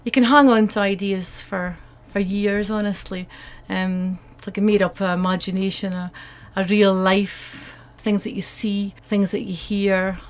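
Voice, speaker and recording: A woman's voice: medium pitch, level tone, a little slow, few pauses. A woman with a North East Scottish accent, an author answering questions in an interview. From North East Scotland. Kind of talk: interview answers about own work.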